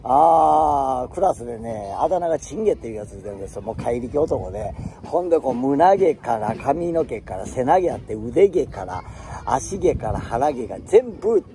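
Man, Tokushima dialect, casual storyteller, mellow voice, lively swooping pitch. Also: moderate pace, slight background noise. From Tokushima, Japan. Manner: lively, acts out quoted voices, laughs often. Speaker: host.

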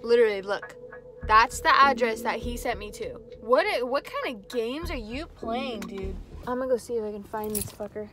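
A woman's voice: a little high, moderate pace, music in the background. A young woman venting to camera in a casual vlog, exasperated and swearing freely. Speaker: vlogger's girlfriend.

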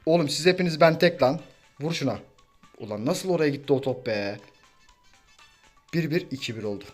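A young man giving casual, excitable commentary over his own gameplay and teasing his teammates as he plays. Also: fairly high pitch, moderate pace, soft background music. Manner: excitable, banters and trash-talks teammates. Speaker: gaming YouTuber.

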